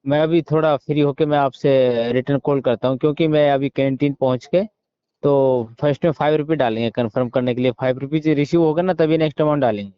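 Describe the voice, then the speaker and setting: This Indian caller, posing as a soldier buyer, negotiates informally and insistently on a muffled recorded phone line, repeating himself and mixing English words into his speech. He has a medium-pitched, smooth voice, talks fast, and the recording is dry.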